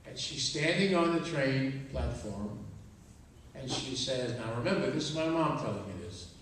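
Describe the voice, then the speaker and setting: An older man recounts his wartime childhood to a school audience, slowing down and voicing the people in his story. His voice comes from some distance across a very echoey hall, with a faint hum of room ambience behind him. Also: medium pitch, animated, fairly bright tone. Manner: slow, deliberate telling with quoted dialogue. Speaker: Holocaust survivor speaking at a school. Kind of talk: personal storytelling to students. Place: school auditorium.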